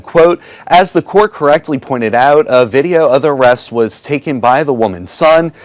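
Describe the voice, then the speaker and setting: A man's voice: mid-range voice, no room sound. American man reading a dry news report. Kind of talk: scripted news report narration.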